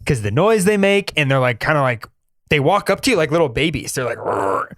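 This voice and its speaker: A man chats on a podcast in an excitable way, often trailing off and starting his sentences again. His voice sits somewhat high. It is recorded dry and close to the mic. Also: fast, no room sound. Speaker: podcast co-host. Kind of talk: casual chat.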